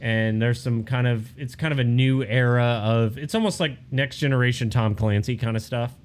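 A man co-hosting a casual chat show, animated and joking, with lots of fillers. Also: medium pitch, normal speed. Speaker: podcast co-host.

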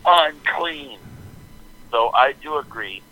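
A man's voice: medium pitch, animated, slow, bright, forceful tone, low-quality recording. A middle-aged man calling in on a speakerphone, chatting playfully and quoting scripture with mock solemnity. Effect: heard over a speakerphone. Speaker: father phoning in to a podcast. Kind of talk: casual phone chat.

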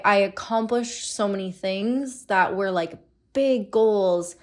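A woman in her late twenties talks casually as a podcast host. She sounds a little sick and stuffed up in the nose. Her pitch is average for a woman, and her phrasing is informal and chatty, sprinkled with "like". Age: late 20s. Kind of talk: casual solo podcast talk.

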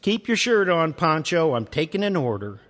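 A man putting on a sassy, brisk diner waitress. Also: big pitch swings, fairly bright tone. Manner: teasing, brisk, higher voice. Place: church, live audience. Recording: reverberant live church hall.

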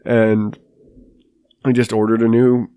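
A man in his thirties hosts his own podcast through a sinus infection, rambling, poking fun at himself, and restarting often in a casual solo monologue. His voice is fairly low, mellow, clear, and resonant, with a flat, slow delivery. The recording is clean studio sound with no room sound.

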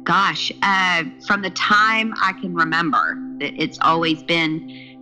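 A woman in her fifties from the southern United States, a podcast guest telling her life story in a lively, earnest way. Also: on the low side, slow pace, faint music behind, rough recording. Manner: lively, earnest, with laughs and restarts. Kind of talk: personal storytelling in interview.

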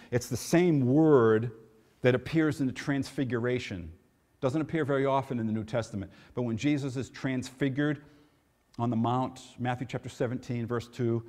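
A male pastor preaching a sermon, animated and conversational, with asides to his congregation. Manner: animated preaching, rising and dropping in pitch and loudness. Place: church sanctuary. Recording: long hall reverb.

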